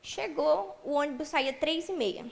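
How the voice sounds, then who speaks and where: A young woman giving a personal testimony at church, telling her story with lively acted-out dialogue. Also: high voice, moderate pace, vocal fry.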